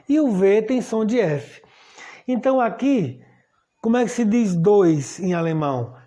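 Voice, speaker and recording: Standing at a board, a woman with a Brazilian Portuguese accent patiently teaches a language lesson in a warm, mid-range voice. She spells out letters one by one and keeps checking that her students understand.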